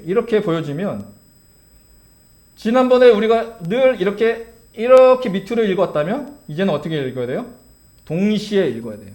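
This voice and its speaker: Lively high-voiced male pastor preaching. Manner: asks the congregation questions and answers them. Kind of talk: sermon.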